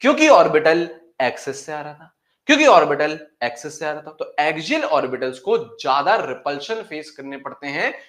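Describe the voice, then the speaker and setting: In an echoey classroom, a chemistry teacher lectures in a fairly high, sing-song, fairly bright voice at a fairly quick pace. He repeats key phrases, poses questions to his students and answers them himself, and affectionately calls them "beta."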